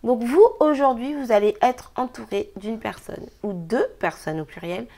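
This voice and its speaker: With a slightly high, dark-toned, expressive voice at a moderate pace, a tarot card reader delivers an easygoing daily reading. She is chatty and emphatic, laughing as she hands out advice.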